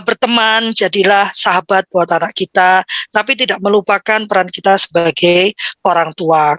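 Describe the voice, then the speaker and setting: A woman in her fifties giving an informal talk on parenting, lively and acting out the voices of children and parents. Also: medium pitch, no room sound. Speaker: parenting speaker.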